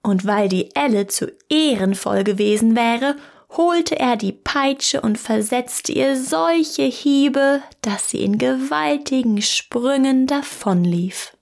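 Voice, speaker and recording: Slow, measured woman reading a fairy tale. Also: high-pitched, creaky. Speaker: narrator.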